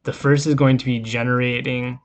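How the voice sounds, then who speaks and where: A man giving a recorded lecture, explaining code in a relaxed, casual way as he works through it. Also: medium pitch, fairly quick, a little hiss or hum. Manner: casual, explanatory, talks while typing code. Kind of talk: screen-recorded coding lecture.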